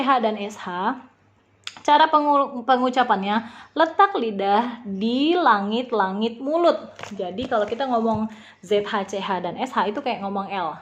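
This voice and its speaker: A woman teaching a beginner language lesson, patiently spelling out sounds and repeating them slowly. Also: a little high, muffled recording.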